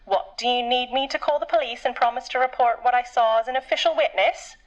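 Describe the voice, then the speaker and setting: An actress playing a cheeky phone clerk who also drives a truck, officious and teasing, in a game. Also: female voice, fairly high pitch, brisk, highs cut off, natural voice.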